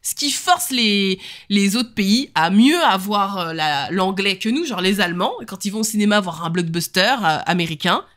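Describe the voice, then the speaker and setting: A woman in her thirties from Lorraine with a Lorraine French accent, co-hosting a podcast in casual chat and telling stories in a lively, animated way. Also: mid-range voice, normal speed, hardly any pauses. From Lorraine, France. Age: 30s. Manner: lively, animated storyteller who laughs often. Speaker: podcast co-host.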